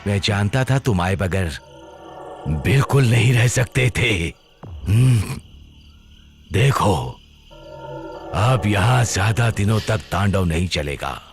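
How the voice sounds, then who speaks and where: Older man, low-pitched, slow and calm, knows more than he says. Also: music in the background. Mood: knowing. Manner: slow, knowing, measured speech. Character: old man haunting a bungalow, knowing and calm. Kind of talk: dubbed film acting.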